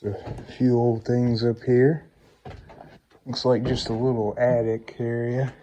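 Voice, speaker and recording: A young man narrating a casual exploring vlog walk-through in an unhurried, musing, plain-spoken way. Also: medium pitch, flat delivery, dark tone, highs cut off, a little hiss or hum. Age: 20s or younger.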